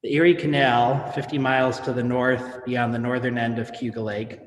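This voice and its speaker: A man's voice: mid-range voice, level tone, moderate pace. A man delivering a prepared, explanatory speech on local history as an event speaker. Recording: echoey, reverberant sound with faint background noise.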